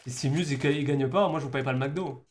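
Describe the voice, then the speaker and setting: A French esports caster with a medium-pitched voice talks a little fast, giving informal live commentary on a video game match. He repeats words while hunting for his next phrase. The noisy game stream is full of gunfire and clicks.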